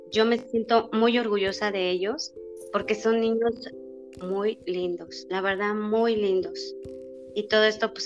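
A woman with a Mexican accent, a single mother speaking as a guest in an interview, telling her stories in a lively, heartfelt way. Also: medium pitch. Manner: warm, lively storytelling with laughter. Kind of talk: emotional storytelling interview. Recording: dull lo-fi audio with music behind.

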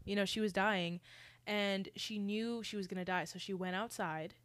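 A woman's voice: medium pitch, normal speed, no echo. A young woman co-hosting a podcast in casual chat, telling stories with gasps and the odd swear. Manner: lively storyteller, gasps and swears for effect. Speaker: podcast co-host.

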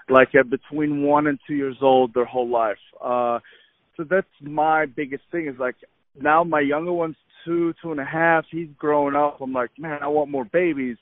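A man's voice: fairly high pitch, no room sound. Male guest, 30s, from Egypt, eager rambling chat, thin phone-line sound. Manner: eager, animated storytelling with many fillers. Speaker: podcast guest, fitness trainer. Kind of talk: casual interview chat. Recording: tinny phone-line audio, dry.

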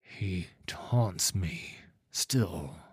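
A man's voice: low-pitched, lively intonation, drawn-out words, husky, no echo, studio quality, exaggerated voice. A man voicing a grim, driven male monster hunter who speaks in short, commanding phrases. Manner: terse, commanding.

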